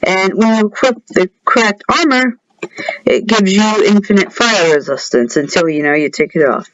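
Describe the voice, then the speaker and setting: A man's voice: high-pitched, normal speed, fairly bright tone, dry recording. A man giving casual gameplay commentary on his own game mod, rambling with offhand asides and talking straight to his viewers. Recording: dull lo-fi recording.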